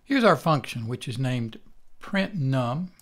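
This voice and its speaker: Older man, instructor, methodical programming lecture, medium pitch. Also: slow pace. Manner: calm, methodical explaining.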